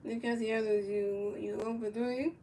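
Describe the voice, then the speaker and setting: Calling a baseball video game casually, an American woman keeps an utterly flat tone, reuses stock phrases, restarts lines and talks to her chat. Her voice is on the high side at normal speed, and she sits away from the mic with a faint hiss beneath.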